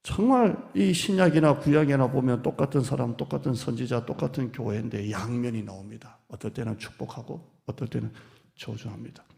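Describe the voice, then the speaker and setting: A man pastor preaching a sermon in a lively, playful way, acting out quoted speech and teasing the congregation. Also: medium pitch, a little fast, gravelly. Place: church sanctuary. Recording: long hall reverb.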